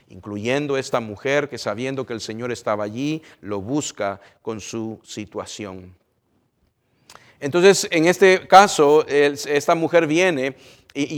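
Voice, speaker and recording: A man preaching a sermon, swinging between loud emphatic stretches and soft low ones, and asking the congregation questions. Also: in a large hall.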